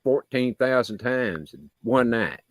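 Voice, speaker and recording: A man with a raspy voice, a guest singer chatting in a folksy, lively way. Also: mid-range voice, slow pace, no room sound. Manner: folksy, lively, swears freely. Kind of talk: casual chat.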